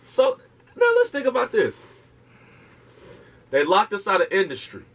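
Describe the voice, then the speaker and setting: His pitch swoops wildly across a high, slightly bright voice, while his pace stays measured. As an interview guest, he lectures with force and profanity, peppering his impassioned, casual talk with rhetorical questions.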